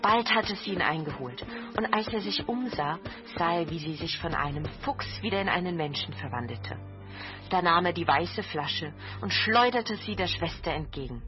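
A woman narrating a fairy tale in a calm, measured storytelling voice. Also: lowish voice. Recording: dull lo-fi with faint music.

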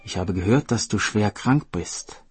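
A man voicing a mysterious spirit healer who speaks slowly and evenly. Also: lowish voice, animated, slightly rough, faint music behind, heavily acted. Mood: calm. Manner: slow and measured.

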